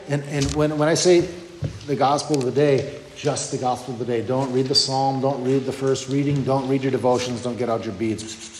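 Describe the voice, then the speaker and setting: A man preaching a sermon in a relaxed, conversational way, often pausing to check that his listeners follow. His mid-range voice rings through a large, echoey hall with a long reverb tail. Faint room noise sits underneath. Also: medium pitch. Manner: conversational teaching with frequent "okay?" and "you know".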